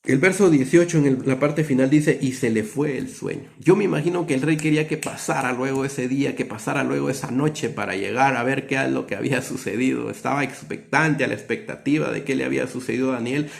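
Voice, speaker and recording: A man from Guatemala, preaching an earnest sermon full of rhetorical questions, his pace swinging from quick to drawn-out. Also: mid-range voice, vocal fry.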